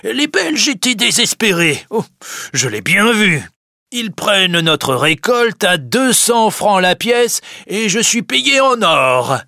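A man's voice: medium pitch, animated, slow pace, bright, forceful tone, no echo, clean studio sound, heavily acted. A man reading aloud who voices a stern, miserly old wine-grower father who counts every coin. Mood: excited. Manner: counting money aloud, insistent. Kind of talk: audiobook reading.

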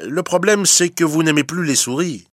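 A man's voice: normal speed, a bit bright, no echo, clean studio sound. A man voicing a sly, scheming male fox in a storybook reading, with a honeyed, mocking manner. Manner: honeyed, mocking, sometimes hissing low.

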